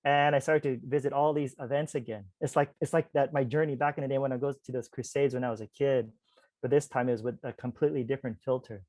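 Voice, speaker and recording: A man's voice: medium pitch, quick pace, no echo. A man of forty telling a personal story as a podcast guest in a casual, chatty way, with frequent asides to listeners. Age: 40s. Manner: chatty, animated, many "like" and "you guys" asides. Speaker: podcast guest, spiritual teacher.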